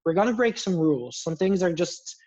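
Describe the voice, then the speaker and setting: A Belgian man in his thirties, a native Dutch speaker with a Belgian Dutch accent, joins a video call as an enthusiastic guest, gesturing with his hands. His voice is high and darkish, brisk with lively intonation. He uses a headset from a home room with plants and posters, and the audio is muffled and lo-fi.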